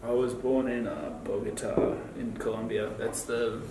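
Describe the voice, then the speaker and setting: A man's voice: fairly low pitch, steady tone, normal speed. A young man in his twenties, a guest in a casual interview, rambling with lots of fillers and swearing. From Australia. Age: 20s. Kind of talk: casual chat. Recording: echoey, distant, noisy ambience.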